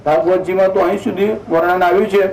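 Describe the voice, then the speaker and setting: A woman giving a devotional storytelling discourse as a spiritual speaker. She voices the characters' lines and chants verses slowly. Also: on the low side, fairly even intonation, a little mellow. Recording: echoey room, distant mic, faint hiss.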